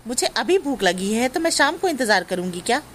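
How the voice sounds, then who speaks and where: A spoiled grown daughter, voiced by a woman, whines, bosses and points fingers in a family comedy skit. Her voice is pitched a little high, with faint noise behind. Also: very animated, brisk, fairly bright tone. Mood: demanding. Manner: whiny, bossy, accusing. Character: spoiled, demanding grown daughter visiting home.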